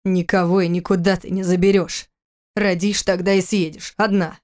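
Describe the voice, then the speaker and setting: A woman's voice: on the low side, level tone, normal speed, darkish tone, close to an everyday voice. Contemptuous angry husband, read by a woman. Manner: harsh, contemptuous, clipped. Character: cold, furious husband, adult man. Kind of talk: audiobook character reading.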